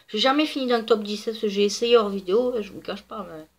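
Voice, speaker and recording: A fast-talking gaming video creator with a medium-pitched, darkish voice rambles casually through her gameplay. Her cold leaves her nasal and congested, and her chatter is full of fillers.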